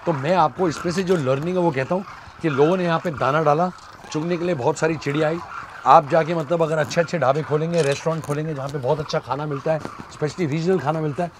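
A man's voice: on the high side, steady tone, fast, background noise. A middle-aged man co-hosting a travel show outdoors, teasing and joking, speaking on a lapel mic. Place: outdoors at a desert bird site.

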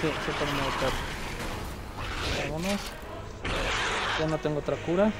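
Young Mexican streamer, high-ish voice, jumpy and loud over game music. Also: male voice, measured pace, rough recording. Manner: excitable, frequent outbursts and slang. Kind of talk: live gameplay commentary.

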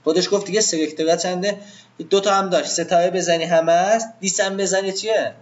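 A man's voice: high voice, steady tone, dull audio. A man teaching web design to a live class in an informal way, asking the students questions and then answering them himself.

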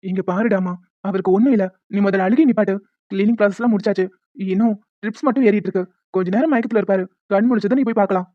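A woman voicing a reassuring young man in an animated drama. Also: medium pitch, dry recording, lightly acted. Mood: comforting. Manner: brisk, reassuring. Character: young man, caring brother figure. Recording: dull lo-fi dry sound.

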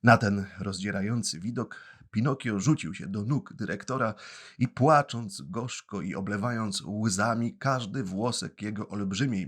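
A man reading a children's story aloud, slow and expressive. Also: on the low side, husky. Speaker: actor reading a children's book.

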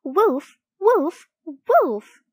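A woman's voice: very high voice, sing-song, drawn-out words, a little mellow, dry recording, studio quality, exaggerated voice. A woman voicing an eager, playful little puppy in short repeated barks while reading a picture book to a toddler. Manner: short repeated barking words.

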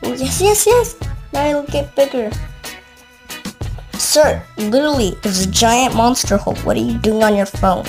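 An excitable woman narrating her own gameplay, chatting back at the screen as she goes. Her voice sits a little high, swings widely in pitch and has a gravelly edge. Loud game music plays under her. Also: normal speed. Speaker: gameplay video creator. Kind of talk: casual gameplay commentary.

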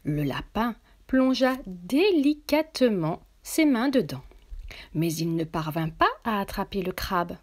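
Slow, breathy woman telling a bedtime story. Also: mid-range voice. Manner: slow, expressive, drops into whispers.

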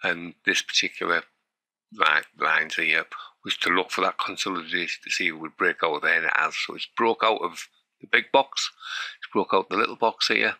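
Teesside bloke, deep gravelly voice, chatty and bit unsure, walking thru his chart. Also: fairly even intonation, normal speed, bright, forceful tone, no room sound, low-quality recording. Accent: Teesside English. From North East England. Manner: chatty, a bit unsure, stops and restarts often. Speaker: hobby forex trader. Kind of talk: casual screen walkthrough of a trade.

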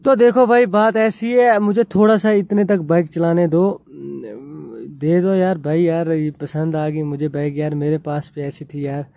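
A man's voice: on the high side, steady tone, normal speed, hardly any pauses, warm tone, no echo. A young man vlogging outdoors by the road, pushy and teasing as he pulls a prank on bikers. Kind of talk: casual prank vlog banter.

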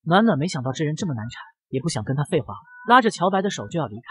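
A man narrating a comic-strip drama in brisk, dramatic scripted storytelling. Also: on the high side, big pitch swings, fairly bright tone, slightly rough.

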